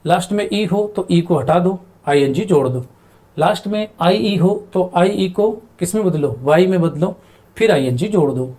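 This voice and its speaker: Guy teaching grammar at a board, warm low-key tone, asks questions then answers them. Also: lively intonation. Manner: explains slowly, spells words letter by letter, asks and answers his own questions. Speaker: English teacher. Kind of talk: spoken grammar lesson at a board.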